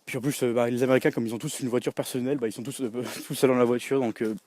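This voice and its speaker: A man's voice: medium pitch, steady tone, very fast, darkish tone, no echo. A young man from France chatting casually to camera, rambling with many fillers and restarts, laughing often and addressing the viewer directly. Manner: laughs often while talking. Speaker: vlogger.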